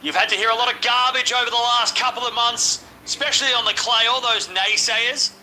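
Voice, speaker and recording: A man giving casual live play-by-play of tennis matches, excitable and chatty, talking straight to his viewers. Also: very high-pitched, fairly quick, poor audio. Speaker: live-stream tennis commentator. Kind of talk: casual watch-along play-by-play commentary.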